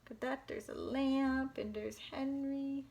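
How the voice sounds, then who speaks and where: A woman hosting storytime, reading a children's picture book aloud in an expressive, dramatic way for young listeners. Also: high-pitched, a little slow, gravelly, background noise.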